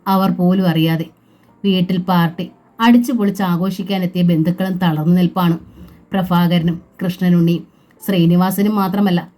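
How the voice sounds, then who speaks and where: A woman narrating a family novel aloud in an even, measured storytelling voice. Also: fairly low pitch.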